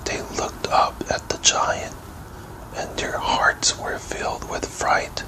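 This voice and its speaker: A man whispers a children's bedtime story in a breathy ASMR voice, telling it in gentle, measured, rhymed fairy tale phrases. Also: rough recording.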